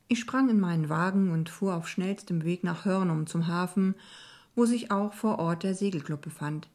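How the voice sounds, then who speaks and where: A woman reads a first-person audiobook in a clear, measured way. Her voice sits a touch low for a woman. The telling stays even and unhurried. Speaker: narrator. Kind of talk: audiobook narration.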